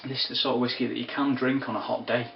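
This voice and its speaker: A man's voice: medium pitch, flat delivery, vocal fry, slight background noise. Man reviewing whisky from across a room. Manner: unhurried, descriptive, with wry asides. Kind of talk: casual spoken tasting review. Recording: roomy, distant, dull lo-fi sound.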